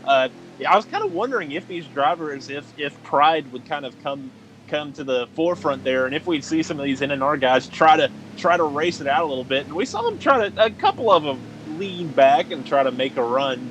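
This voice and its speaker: A man's voice: fairly high pitch, lively intonation, brisk, fairly bright tone, slight background noise. A man giving color commentary on a sim race, analytical, laughing easily, with many fillers.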